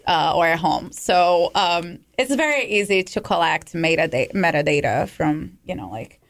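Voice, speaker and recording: A woman's voice: lowish voice, lively intonation, normal speed. A woman with a slight non-native accent, a cybersecurity company head, speaking as a guest on a radio show in a casual style full of fillers. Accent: non-native English accent. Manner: casual, many fillers like "you know, like". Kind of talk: radio interview.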